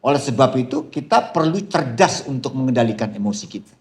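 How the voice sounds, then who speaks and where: Animated male preacher at a seminar. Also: mid-range voice, fast. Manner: animated preaching, big shouted punchlines and laughter; addresses the crowd as "Saudara", calls out "haleluya". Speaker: pastor. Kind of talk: seminar sermon.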